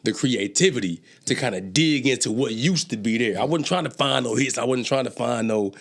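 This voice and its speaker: With a medium pitch and a fairly quick delivery, a rapper and entrepreneur speaks as a guest in an easygoing conversation. He tells stories in profane street slang and, when excited, stammers as he starts over.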